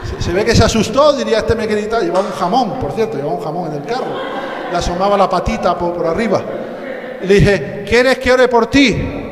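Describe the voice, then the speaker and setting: Spanish pastor guy, fairly high voice, joking sermon stories, big echoey church hall. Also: fast, crowd noise. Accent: Spanish from Spain. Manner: storytelling, jokey asides, acts out dialogue. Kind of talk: sermon with humorous anecdotes. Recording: echoey hall with long reverb.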